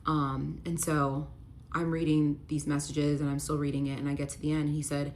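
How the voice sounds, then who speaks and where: Low-voiced woman telling a candid story. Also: little pitch movement, moderate pace, a little mellow, slight background noise. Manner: earnest, emotional, heavy use of "like". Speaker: vlogger telling a personal story.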